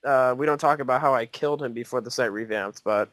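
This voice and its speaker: A young man co-hosting a casual podcast jokes around with friends in a shared room, tripping over his words with stammering restarts. His medium-pitched, slightly bright voice moves quickly, picked up dry by a clip-on mic on his shirt.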